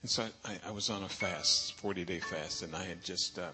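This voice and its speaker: A man preaching a sermon, telling personal stories in an animated way with chuckles between lines. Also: low voice, fairly quick. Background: guitar music.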